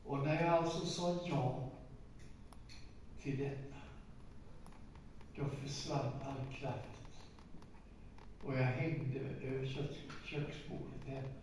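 A man in his nineties telling a story in a sermon, emphatic and slowing down for weight. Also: medium pitch, steady tone, darkish tone. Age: 90s. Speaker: preacher. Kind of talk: sermon testimony. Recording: echoey hall, distant mic, faint noise.

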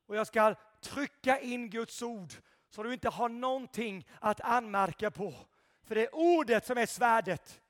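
A man preaching an impassioned revival sermon, shouting at peaks and dropping to quiet intensity. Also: extremely high pitch, in a large hall.

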